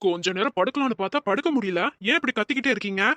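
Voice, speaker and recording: A woman's voice: mid-range voice, expressive, very fast, a bit bright, no echo, lightly acted. Woman voicing a cranky village gardener man. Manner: gruff, blunt retorts. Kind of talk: cartoon voice acting.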